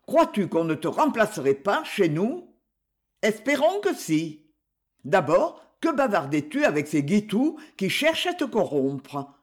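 A man's voice: high voice, sing-song, measured pace. A man doing a nagging, fussy shop master. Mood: scolding. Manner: nagging, indignant. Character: fussy middle-aged shop master, scolding.

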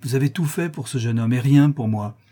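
A man voicing a stern older baron, a father speaking in a measured, cold way. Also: medium pitch, mellow, lightly acted.

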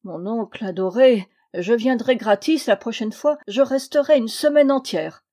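A woman's voice: fairly high pitch, normal speed, dark tone, natural voice. Woman reading as a wheedling young rogue. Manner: wheedling, coaxing. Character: charming, roguish young male diplomat nephew. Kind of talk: audiobook reading.

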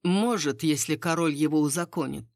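A woman's voice: deep voice, moderate pace, darkish tone, no echo. A woman reading the part of a sardonic, unflustered aristocratic court lady with dry irony. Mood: grim.

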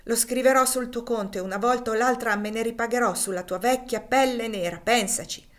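A woman reader puts on a cruel male slave owner from a classic novel. He sneers and threatens in a loud, pushed voice pitched a little higher than her own reading. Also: moderate pace, close to an everyday voice. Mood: threatening. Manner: taunting, loud and menacing.

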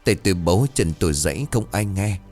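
Vengeful ghost of a wronged mother, bitter, voiced by a male narrator, lively intonation. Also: sits low, brisk, soft background music. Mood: mournful. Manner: bitter, grinding.

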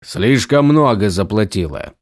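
Brief: man voicing a lazy, deadpan male mercenary, slow and dry. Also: fairly low pitch, dry recording, voice pushed down.

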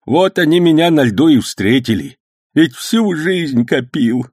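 High, shrill old village uncle in an audiobook, excitable and quarrelsome, whining and indignant, pitch leaping all over, in a dry, close sound. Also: male voice, a little slow, dry recording. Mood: lamenting.

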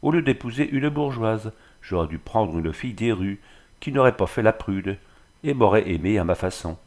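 A man's voice: fairly low pitch, lively intonation, moderate pace, darkish tone. A man reading the part of a bitter, drunken glassmaker husband in an audiobook, sneering as he talks.

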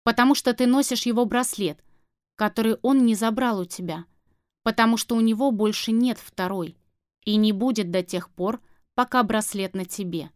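A grim, stubborn man with a shaved head, read by a woman narrator in her own fairly high voice. He talks flatly, firmly and bluntly. The recording is dry and close. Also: normal speed, no echo, natural voice. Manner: flat, firm and blunt. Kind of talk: audiobook character reading.

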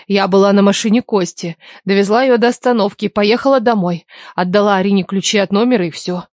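A woman's voice: medium pitch, fairly quick, a little mellow, no room sound, lightly acted. Prim flustered lady teacher, read by a woman, protesting, dry close audiobook sound. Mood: indignant. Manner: indignant, anxious protesting.

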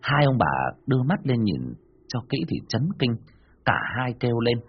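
A man narrating a ghost story in a dramatic, animated storytelling manner. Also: mid-range voice, normal speed, husky, muffled recording.

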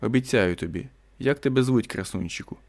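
A man voicing an imperious Roman woman in an audiobook, speaking in a soft, hushed whisper. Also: mid-range voice, a little fast, natural voice. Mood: whispering, coy.

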